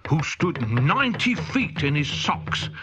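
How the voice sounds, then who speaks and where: A man with a higher voice narrates a scripted children's audiobook slowly and very animatedly, in a playful, comic, spirited style. Music plays in the background, and the recording has its highs cut off.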